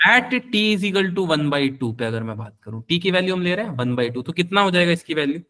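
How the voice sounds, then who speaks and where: A man's voice: sits high, expressive, a little fast, bright, forceful tone. Chatty male physics teacher. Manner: chatty, calls students beta, answers their questions. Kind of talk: live online class.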